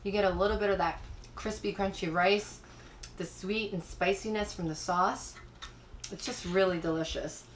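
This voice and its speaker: This cooking channel host speaks at medium pitch with a steady tone and moderate pace, enthusiastically chatting to viewers, whom she keeps calling guys, while she cooks and tastes in a casual demonstration. The audio is poor, with slight background noise.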